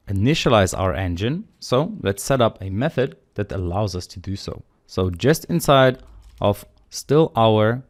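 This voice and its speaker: This is a screen-recorded coding walkthrough in which the instructor, a man with a lowish voice, steadily explains each step and thinks aloud while typing. The recording is close-miked and dry, without echo and with almost no room sound.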